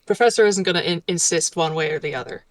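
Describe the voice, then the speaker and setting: A woman's voice: fairly low pitch, quick pace, no echo. A woman playing a tabletop game, casually explaining what her character thinks and does. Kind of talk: casual chat, describing their character's thoughts.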